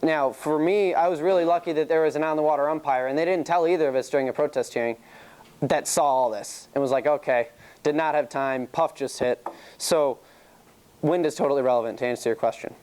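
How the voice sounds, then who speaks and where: Quick and a little high, with a touch of mellowness, the young sailing team presenter's voice carries a casual chalk-talk on sailing rules in a classroom. He laughs freely while telling stories from races he's been in.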